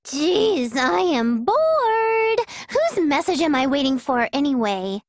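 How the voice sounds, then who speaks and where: Anime game lead: scatterbrained teen girl, squeaky-high, wildly animated, cheeky and slangy. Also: measured pace, dry recording, studio quality. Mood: cheeky, bored. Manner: breezy, slangy, dramatic. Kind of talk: scripted anime game voice acting. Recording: loud music under the voice.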